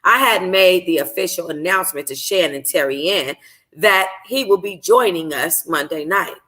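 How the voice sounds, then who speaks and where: A book club host reads a novel aloud informally in a lowish, slightly bright voice at a moderate pace. The narration is first-person, audiobook-style, and she sometimes stumbles and goes back to reread phrases.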